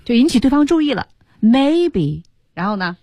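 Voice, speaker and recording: A woman hosting a radio English lesson, chatting lively and slowly reading English lines to demonstrate them. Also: fairly high pitch, no echo. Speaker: radio English teaching host. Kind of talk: radio language lesson chat.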